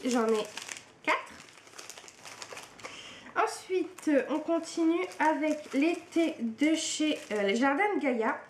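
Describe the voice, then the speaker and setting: A woman's voice: high-pitched, darkish tone. A young woman chatting casually through an unboxing, hesitant and full of fillers. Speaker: book and tea vlogger. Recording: echoey room with faint hiss.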